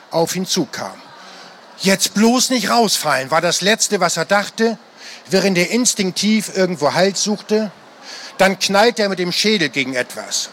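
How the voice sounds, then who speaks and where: A man's voice: sits high, a bit bright, a little hiss or hum. A man reading an adventure novel aloud to an audience, telling it dramatically. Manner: dramatic storytelling, acting out the characters.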